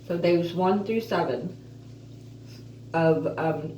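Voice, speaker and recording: Toothless-sounding woman vlogger, lowish voice. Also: takes it slowly. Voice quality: missing front teeth, soft slurred F sounds. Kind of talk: casual personal update vlog, chatty. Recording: roomy echo, distant mic, faint noise.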